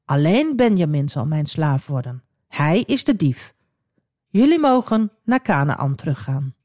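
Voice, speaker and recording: A woman voicing a powerful ruler in a children's Bible story who calls out loudly to his brothers. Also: deep voice, sing-song, unhurried, no room sound, clean studio sound, full character voice. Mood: stern. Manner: calling out loudly, overcome. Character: powerful ruler revealing himself, emotional.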